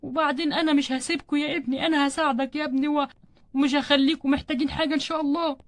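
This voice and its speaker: A woman with an Egyptian Arabic accent voicing a kindly older grandfather who calms and gently chides. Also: high-pitched, rapid-fire, dry recording. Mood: reassuring. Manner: calming and gently chiding.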